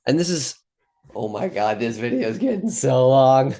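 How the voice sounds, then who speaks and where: Young male vlogger, rambling, profane, bro-talk, plain middle pitch, trade recap to camera. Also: sing-song, normal speed, warm tone. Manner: rambling, swears a lot, says bro and dude. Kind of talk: casual monologue to camera.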